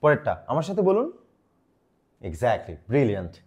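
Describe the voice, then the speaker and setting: A man teaching English pronunciation in a lively, encouraging way, repeating words for the listener to copy. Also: mid-range voice, normal speed, breathy edge. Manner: drills words aloud, animated and encouraging. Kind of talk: pronunciation lesson.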